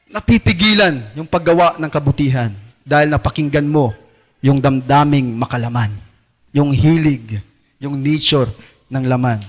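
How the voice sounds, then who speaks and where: A male pastor with a Filipino accent preaching a Sunday sermon, calling on the congregation to repeat lines after him and slipping English phrases into his Filipino. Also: normal speed. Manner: acts out tempting whispers in a lowered voice. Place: church service.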